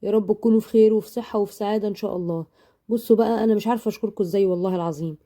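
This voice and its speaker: A woman with an Egyptian accent, still a little hoarse from illness, chatting affectionately while teaching a baking tutorial. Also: mid-range voice, very fast, dark tone. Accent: Egyptian Arabic. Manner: chatty and affectionate, rambling asides. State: hoarse after sinus illness. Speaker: baking channel host. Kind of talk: casual cooking tutorial.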